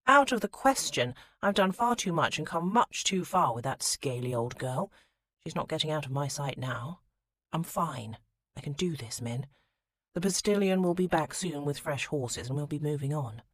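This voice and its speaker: A woman's voice: sits low, lively intonation, normal speed, no echo. Casting: woman reading a charming rake of a young lord, playful, insistent, intimate. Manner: teasing, turning hushed and intimate. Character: charming rakish young lord, teasing yet tender.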